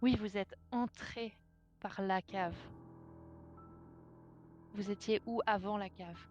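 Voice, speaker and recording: A woman's voice: mid-range voice, steady tone, slow, darkish tone, faint music behind. A woman playing a tabletop role-playing game, chatting casually and asking the game master many questions. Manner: curious, asks many questions. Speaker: player.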